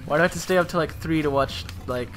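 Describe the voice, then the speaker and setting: A man's voice: a little high, fast talker, fairly bright tone, faint music behind. A young man chatting in a rambling, casual way while commentating a video game with a friend. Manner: rambling, chatty, full of likes and laughs. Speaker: gaming channel co-host.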